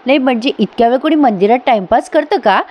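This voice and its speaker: A woman's voice: high voice, expressive, quick pace, a little mellow, pitched above the performer's own voice. A woman reading a scheming young woman. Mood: sly.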